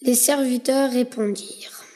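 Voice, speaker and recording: A woman narrating a children's story with slow, careful reading. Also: high voice, steady tone, noisy background.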